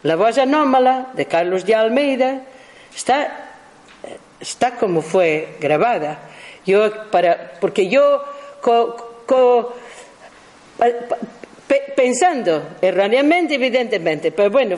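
A speaker slowly explaining their own recordings to an audience, halting often and correcting themselves as they go. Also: mid-range voice, poor audio. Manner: halting, with frequent restarts and self-corrections; explains as to a class. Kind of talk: slow explanatory talk.

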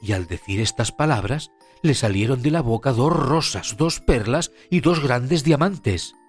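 Expressive male fairy-tale narrator. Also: medium pitch, measured pace, breathy edge. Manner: expressive, storytelling cadence. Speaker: storyteller. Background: faint music.

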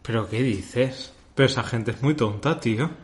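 Guy cohosting, reacts fast, curses a lot, mid-pitched. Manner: reactive, blunt, swears often. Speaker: podcast co-host. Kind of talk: casual podcast chat.

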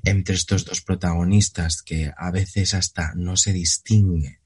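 A man's voice: low-pitched, a little slow, breathy edge. A young man from Spain, an actor, chatting animatedly. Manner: animated, laughing, theatrical outbursts. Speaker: actor, interview guest. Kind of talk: casual interview chat.

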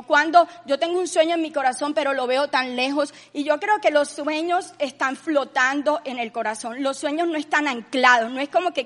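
High-voiced woman preaching in a reverberant room. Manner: earnest, builds to loud emphatic retelling. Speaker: co-host. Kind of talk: faith-based talk, preaching and retelling a Bible story.

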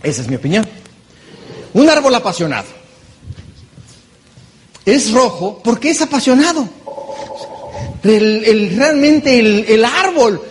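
A man giving a motivational business talk from a conference stage, animated and full of rhetorical questions. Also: extremely high pitch, slow, long pauses, slight background noise. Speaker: conference speaker.

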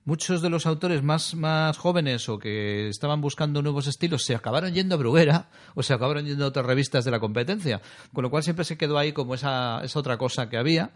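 A man's voice: fairly high pitch, fast talker. A man in casual chat, chatty and nostalgic, laughing often as he talks. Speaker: comics podcast co-host.

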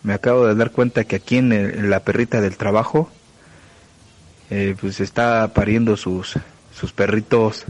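Lowish-voiced Mexican man. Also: fairly even intonation, normal speed. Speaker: caller. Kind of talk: casual voice message.

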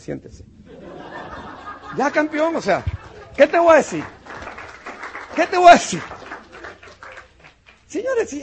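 A man from Panama fires up a room of new business recruits with a punchy, emphatic motivational talk. His voice sits high and carries a husky edge. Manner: punchy and emphatic, calls listeners "campeón" and "mi hermano". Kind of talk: motivational talk to a live audience.

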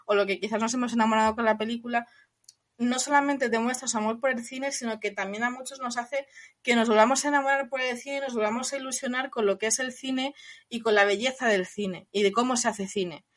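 A woman discussing a film in casual conversation, animated and acting out quoted lines. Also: fairly high pitch, brisk. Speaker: film podcast co-host.

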